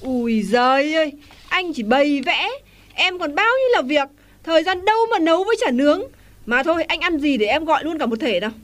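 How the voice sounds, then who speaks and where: Woman playing a high-voiced, complaining wife. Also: lively intonation, brisk. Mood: dismissive. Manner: complaining, exclaiming. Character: busy, dismissive middle-aged wife and mother.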